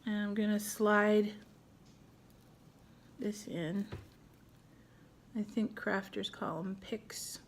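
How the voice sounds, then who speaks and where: A woman's voice: medium pitch, steady tone, extremely slow, long pauses, slight background noise. A middle-aged woman hosting a casual crafting tutorial at home, chatting and thinking aloud as she works. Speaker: craft video host.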